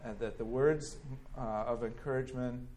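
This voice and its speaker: Reading aloud from a biography, this man from California teaches a church class and breaks off now and then to add his own remarks. His medium-pitched, slightly mellow voice moves at a normal pace with fairly even intonation, rising sharply whenever he performs quoted lines. He restarts often and uses lots of fillers, over a faint background hiss.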